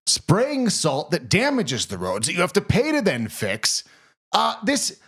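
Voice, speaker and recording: A man's voice: sits high, fairly bright tone. A man co-hosting a podcast, arguing his point in casual chat and repeating himself as he riffs. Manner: argumentative, riffing, repeats himself. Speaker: podcast co-host.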